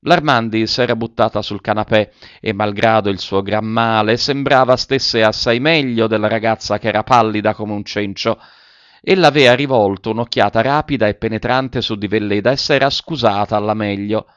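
A man narrating a literary story in a measured, even way. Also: on the low side, clear, resonant tone, dry recording, muffled recording.

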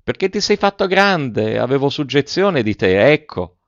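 Man putting on a shy young girl, gentle, tender, storybook reading, dry muffled sound. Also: mid-range voice, big pitch swings, moderate pace, no room sound, pitched above the performer's own voice.

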